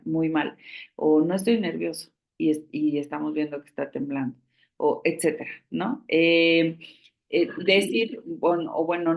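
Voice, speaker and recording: Slow, gravelly-voiced woman instructor. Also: low-pitched. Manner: measured, explanatory, pauses to search for words. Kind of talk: online training lecture.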